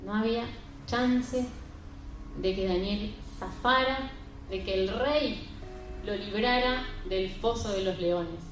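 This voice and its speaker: A woman's voice: medium pitch, slow. A woman preaching a sermon and retelling a Bible story in an emphatic, conversational way. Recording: very echoey room with faint music.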